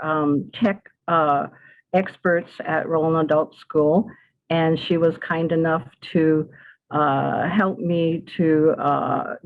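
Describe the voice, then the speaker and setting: A woman from Southern California in her sixties, an ESL teacher presenting on a video call, hesitant with many fillers and restarts. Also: fairly low pitch. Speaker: adult school ESL teacher presenting a webinar. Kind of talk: casual spoken presentation over video call. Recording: tinny phone-like audio.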